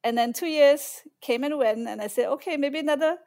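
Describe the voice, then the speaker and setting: A woman from Malaysia, a guest on a podcast, tells her story in a lively, candid way over an online call from home. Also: high-pitched, a little fast. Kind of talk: conversational interview storytelling. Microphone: video call.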